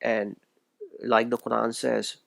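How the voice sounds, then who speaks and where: A man's voice: mid-range voice, little pitch movement, slow pace, gravelly, no room sound. A man from Pakistan, giving an earnest, preachy solo commentary and often stumbling and restarting his phrases. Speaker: video essayist. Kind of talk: solo religious commentary monologue.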